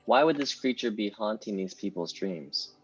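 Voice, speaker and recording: A man's voice: on the low side, lively intonation, normal speed, slightly rough, lo-fi sound, soft background music. A man playing a tabletop game, talking in a rambling way with many restarts. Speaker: player.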